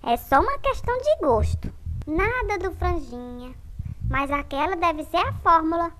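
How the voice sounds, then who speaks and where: A woman's voice: very high voice, expressive, normal speed, a bit bright, a little hiss or hum. A woman voicing a proud, touchy, bossy little girl in a comic-strip cartoon. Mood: hopeful, touchy.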